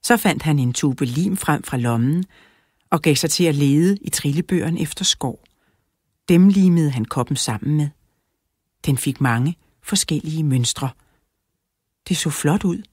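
A woman narrating a children's audiobook in a clear, even storytelling manner, close to the mic. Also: low-pitched, long pauses, no room sound. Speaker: audiobook reader.

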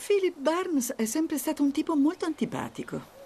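A woman's voice: high voice, big pitch swings, normal speed, mellow, a little hiss or hum. An older actress playing an affectionate grandmother in a dubbed TV drama. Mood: caring.

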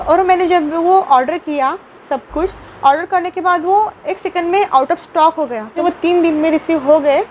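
A young woman vlogs an unboxing in a small room, talking casually into a phone camera with many fillers and restarts and mixing English words into her sentences. Her voice is high-pitched, and the lo-fi recording has a bit of hiss or hum.

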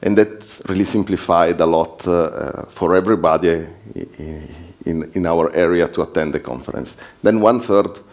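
In a conference hall, a man from southern Switzerland with an Italian accent presents at a developer conference he helps organize. His low, slightly mellow voice moves at a moderate pace with hardly any pauses, and his non-native English includes slips, restarts and laughs.

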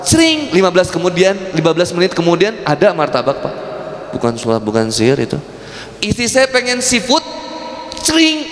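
A man's voice: high-pitched, a bit bright. A male preacher giving a humorous sermon, joking with the congregation and acting out little dialogues. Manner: jokey, addresses audience as Pak, acts out quotes. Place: mosque hall. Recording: echoey mosque hall, faint ambience.

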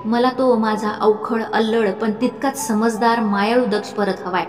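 A woman plays an older mother figure in an audiobook story, coaxing and firm by turns. The delivery is slow and deliberate. The voice echoes in a reverberant room with faint music underneath. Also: a little high, steady tone, lightly acted. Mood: pleading. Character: older mother figure, fond but insistent. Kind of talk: audiobook narration.

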